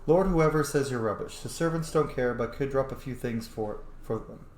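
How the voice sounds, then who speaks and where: A video game streamer and roleplayer chats casually and with strong opinions about a roleplaying game, reading text aloud and reacting to it. His mid-range voice has a darkish tone at normal speed, and the recording sounds roomy with faint background noise.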